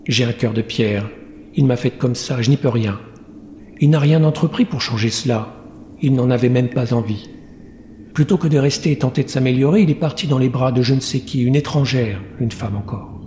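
A man's voice: medium pitch, normal speed, dark tone, lightly acted. A man voicing a weary wounded woman doctor. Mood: bitter. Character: wounded exhausted young woman doctor, guarded. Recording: roomy long reverb, faint noise.

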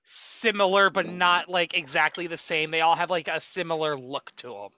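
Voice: medium pitch, steady tone, pushed and bright, dry recording. A podcast co-host in casual chat who rambles with lots of "like" and laughs easily. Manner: rambling, full of "like", quick to laugh.

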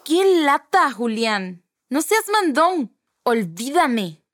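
A woman's voice: high-pitched, very animated, measured pace, no echo, studio quality, faint music behind. A woman playing an irritated younger sister in a language-lesson dialogue, brushing off her brother's demands. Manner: irritated, dismissive. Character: annoyed younger sister, girl, stubborn.

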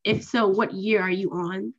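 A woman's voice: mid-range voice, fairly even intonation, a little slow, highs cut off. A young woman hosting a student podcast, bubbly and enthusiastic in an upbeat way. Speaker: podcast host.

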